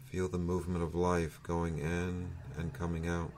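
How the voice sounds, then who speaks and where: A man leading a guided breathing meditation in a soothing, unhurried manner, leaving long pauses between phrases. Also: sits low, completely flat delivery, noisy background. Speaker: meditation teacher.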